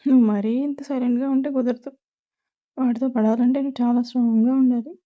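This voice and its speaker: A woman voicing a caring middle-aged mother who gently advises her son's shy young bride, on a tinny, phone-like recording. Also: fairly high pitch, fairly even intonation, fast, close to an everyday voice. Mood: advising.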